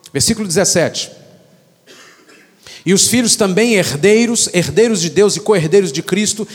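A Brazilian man preaches with a fairly high voice, emphatic and rhetorical, swinging between loud declarations and quiet asides. His sermon rings out with the long reverb of a church hall. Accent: Brazilian Portuguese. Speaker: pastor.

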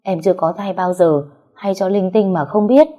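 A woman's voice: mid-range voice, normal speed, dark tone, close to an everyday voice. A woman voicing a worried young husband in an audio story. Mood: anxious.

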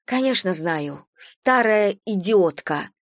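A woman's voice: mid-range voice, expressive, slow, dry recording. Woman doing dry, clipped Valya. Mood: curt.

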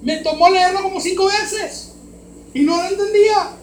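A man with a Mexican accent preaching a sermon as pastor, swinging from hushed words to loud, emphatic ones. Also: extremely high pitch, normal speed. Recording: roomy hall echo, faint background noise.

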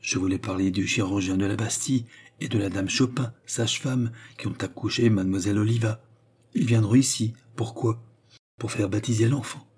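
A man reading an audiobook voices a calm, guarded German servant who speaks low and measured. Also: breathy edge. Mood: cautious.

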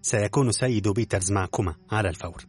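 A man's voice: fairly low pitch, fast talker, husky, faint music behind. A man reading an audiobook, voicing a tall woman who speaks in a curt, suspicious way. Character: sharp-tongued tall woman, wary and curt.

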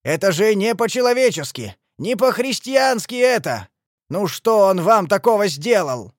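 A man's voice: wildly swooping pitch, a little slow, breathy edge, no echo, clean studio sound, exaggerated voice. A man voicing a fussy, owlish old bald man who shrilly protests from a window in a storybook reading. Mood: indignant. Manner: shrill and pleading.

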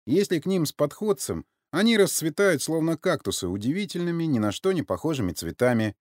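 A man's voice: a little high, sing-song, brisk, darkish tone, dry recording, clean studio sound, pitched above the performer's own voice. A man reading an audiobook, voicing a mocking, unpredictable man who snaps out harsh orders. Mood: scheming. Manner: sarcastic, barking orders. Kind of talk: audiobook character voice.

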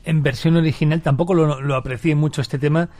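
A man's voice: on the high side, steady tone, fast, a little mellow, no room sound. Man hosting a casual podcast. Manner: conversational, asks questions, chuckles at himself. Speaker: podcast host asking questions. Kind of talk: casual film podcast chat.

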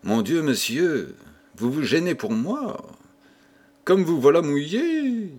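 A man reading an audiobook who voices a coy young working girl with a playful, gently mocking manner. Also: fairly high pitch, sing-song, slow pace, pitched above the performer's own voice, full character voice. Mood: coy teasing.

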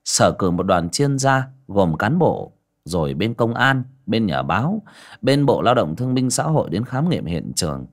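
Man, storyteller, earthy, colloquial, comic, lively pitch. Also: normal speed. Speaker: audiobook narrator. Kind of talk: storytelling narration.

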